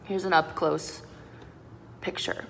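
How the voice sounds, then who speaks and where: A woman's voice: lowish voice, fairly even intonation, slow, vocal fry, fairly bright tone. Upbeat woman teaching in an echoey room. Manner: upbeat, encouraging, demonstrates sounds step by step. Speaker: singing teacher. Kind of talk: online beatboxing lesson. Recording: roomy echo with long reverb and faint noise.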